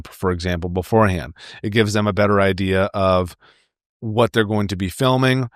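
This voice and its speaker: A young man hosts a solo advice podcast, talking straight to his listeners in a friendly, upbeat way. His voice sits fairly low. It sounds dry and close, with no room echo. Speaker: podcast host.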